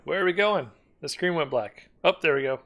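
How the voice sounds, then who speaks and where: A man's voice: a little high, lively intonation, a little fast, gravelly, a bit bright, highs cut off. A man streaming a video game, making joking, sarcastic asides as he plays. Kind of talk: live game commentary.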